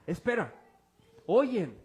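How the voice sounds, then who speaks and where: A man's voice: high voice, very animated, very slow. A man preaching a sermon as pastor, informal and joking, quizzing his congregation with fill-in-the-blank questions. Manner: informal and joking, uses object illustrations.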